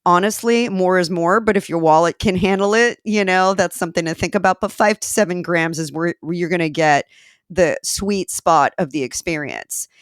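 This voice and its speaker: A woman's voice: on the low side, moderate pace, dry recording. Chatty woman podcast host, dry close sound. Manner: chatty, self-deprecating asides with fillers. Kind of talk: solo podcast monologue.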